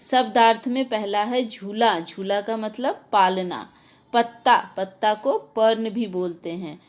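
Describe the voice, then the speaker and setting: A woman's voice: medium pitch, slow. A woman teacher patiently explaining a children's poem to pupils, slipping English words into her explanations. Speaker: school teacher.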